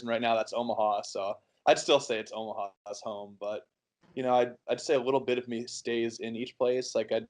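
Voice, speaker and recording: Speaking with a mid-range voice, a man in his early twenties from the United States handles interview questions loosely and ramblingly. Fillers and restarts come up often.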